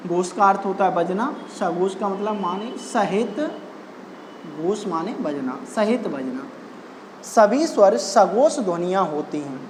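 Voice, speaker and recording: Slow, deliberate woman teaching in an echoey room. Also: mid-range voice, lively intonation, a little mellow, slight background noise. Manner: slow, deliberate explaining with pauses. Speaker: Hindi grammar teacher. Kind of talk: exam-prep lesson. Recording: echoey room with long reverb.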